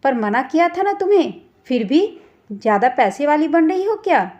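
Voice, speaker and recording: A woman's voice: sits high, very animated, moderate pace, darkish tone, voice pushed up. A woman voicing a scolding older mother-in-law who taunts and accuses in a storybook tale. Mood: taunting.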